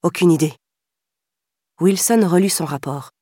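A woman reading a crime novel aloud in a measured, scripted narration. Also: on the low side, warm tone, slightly rough, no echo, clean studio sound. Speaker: audiobook narrator.

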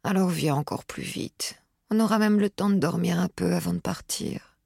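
A woman voicing a young engaged woman, passionate and easily hurt, in a husky voice raised above her narration. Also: on the low side, normal speed, darkish tone, no echo, clean studio sound, voice pushed up, exaggerated voice. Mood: sensual.

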